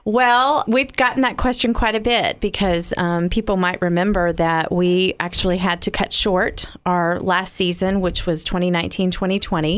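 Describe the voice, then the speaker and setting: Woman guest, lower smooth voice, articulate and explanatory. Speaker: community theater representative. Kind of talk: casual interview.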